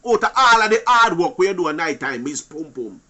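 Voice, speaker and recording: Bright-voiced man preaching. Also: a little fast. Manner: animated, preachy, swings between loud and low. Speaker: channel host. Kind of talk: street-preaching monologue to men.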